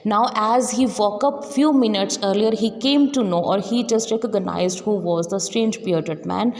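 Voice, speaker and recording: A woman's voice: mid-range voice, a little slow, darkish tone, in a large hall. A woman teacher who reads a story aloud and then patiently retells each line in simpler words for her students.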